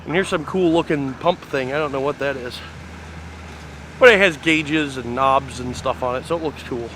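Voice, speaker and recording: A man's voice: medium pitch, moderate pace, a bit bright, slight background noise. A man hosting a casual walking tour of an outdoor construction site, talking enthusiastically with lots of fillers. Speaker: fan site video host.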